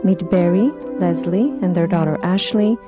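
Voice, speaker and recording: A woman doing scripted documentary narration in a measured, even manner. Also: fairly low pitch. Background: music.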